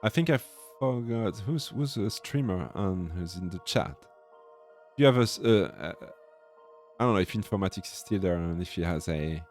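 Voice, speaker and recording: A man with a fairly low voice and a French accent hosts a casual livestream, with music playing faintly behind him. His English is a little halting as he searches for words in an informal, chatty way. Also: lively intonation, a little mellow. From France. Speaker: host of a coding livestream.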